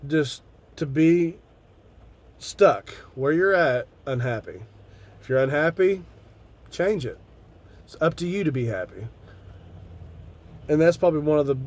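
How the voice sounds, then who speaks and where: Speaking a little mellow and on the high side, an American man hosts a video while stoned on cannabis. He rambles to his viewers in an easygoing stoner style, peppering the casual vlog chat with swearing.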